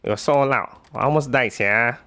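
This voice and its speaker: A man's voice: mid-range voice, normal speed, bright, forceful tone, voice pushed up, close to an everyday voice. A man playing an everyday Singaporean telling grumbling anecdotes in colloquial Singlish with clipped grammar. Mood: aggrieved, exaggerated. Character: animated, complaining everyday Singlish-speaking man.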